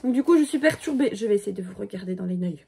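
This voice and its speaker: A young woman chatting casually to her phone camera at home in a book vlog, playful and prone to excited squeals. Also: medium pitch, very fast, gravelly, breathy edge. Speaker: book vlogger. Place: at home, indoors.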